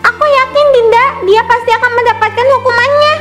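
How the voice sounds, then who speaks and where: A supportive teenage schoolgirl from a cartoon, played by a woman, earnest as she comforts a friend. Her voice is very high, with faint music underneath. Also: fairly even intonation, fairly quick, fairly bright tone. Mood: reassuring. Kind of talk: cartoon voice acting.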